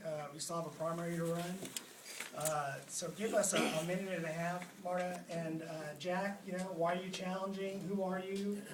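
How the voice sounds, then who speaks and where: A man moderating a candidate forum, speaking in a casual, halting way with many fillers. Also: high voice, distant mic. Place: large room at a public forum. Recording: echoey hall from afar, clear background noise.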